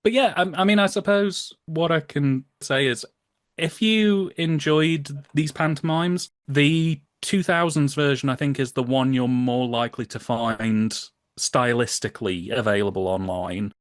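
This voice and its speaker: A British man guesting on a podcast explains things in a chatty, wry, humorous way, often laughing as he talks. His medium-pitched voice moves a little slowly, and the clean studio sound has no room sound.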